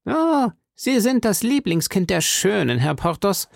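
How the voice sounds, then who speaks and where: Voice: mid-range voice, very animated, a little slow, creaky, no echo, pitched above the performer's own voice, heavily acted. A reader voicing a jealous, middle-aged lawyer's wife who pleads and sounds wounded in an audiobook. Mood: pleading. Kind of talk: audiobook character reading.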